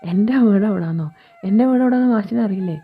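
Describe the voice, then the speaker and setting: Brief: woman as a quick, chatty schoolboy, dull lo-fi recording. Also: mid-range voice, slightly rough. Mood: curious. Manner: chatty, explanatory. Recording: dull lo-fi sound. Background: faint background music.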